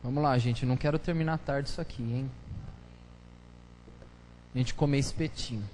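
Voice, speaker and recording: A man's voice: mid-range voice, moderate pace, darkish tone. A pastor preaching a casual, joking sermon full of slang, chatting with his congregation during a live church service. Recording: live church hall reverb, faint noise.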